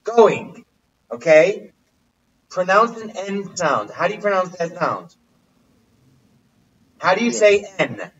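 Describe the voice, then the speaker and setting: A man's voice: sits high, sing-song, slow pace, long pauses, a bit bright. A man teaching a casual language lesson, quizzing his listeners and repeating his questions. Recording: distant, muffled livestream audio.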